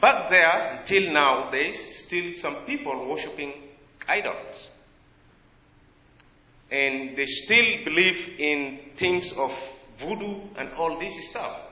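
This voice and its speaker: A South Sudanese-accented man preaching a sermon with a bright, forceful voice set a little high. He speaks earnestly and haltingly, pausing to find his words. The sound is dull and lo-fi, ringing through a large reverberant church hall. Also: lively intonation. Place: church in America.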